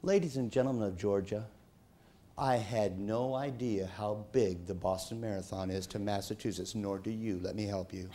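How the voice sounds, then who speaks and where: A middle-aged man preaching a sermon, telling a personal story with folksy, dramatic swings from shouts to hushed tones. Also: fairly low pitch, normal speed.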